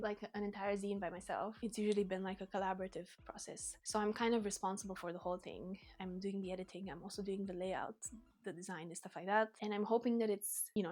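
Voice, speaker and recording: A chatty young woman from Bulgaria speaks casually to her vlog audience, her sentences loose and full of filler words. Her pitch sits in the middle of the range, and soft music plays faintly behind her. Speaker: vlogger and zine editor.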